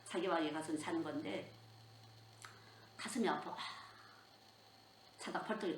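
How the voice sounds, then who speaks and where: A woman's voice: fairly low pitch, unhurried, echoey room, slight background noise. An older woman preaching a sermon as a children's missionary, telling stories with strong emotion. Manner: emotional, animated storytelling with sudden outbursts.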